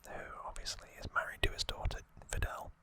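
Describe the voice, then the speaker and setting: In a breathy whisper, this ASMR host walks through a relaxed recap at a gentle, unhurried pace, tossing in casual asides along the way.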